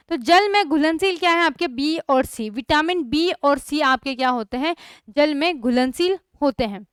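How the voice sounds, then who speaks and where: A woman's voice: high voice, a bit bright, dry recording, studio quality. A young woman teaching a chemistry class online, asking her students questions and checking that they follow. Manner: repeats questions to students, checks understanding often.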